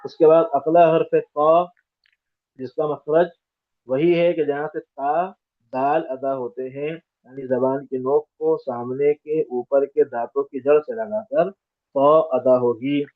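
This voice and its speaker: A man's voice: mid-range voice, steady tone. Man teaching letter sounds over tinny audio. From India. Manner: demonstrates letters by sounding them out repeatedly; corrects common student mistakes firmly. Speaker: Quran recitation teacher. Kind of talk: step-by-step pronunciation lesson.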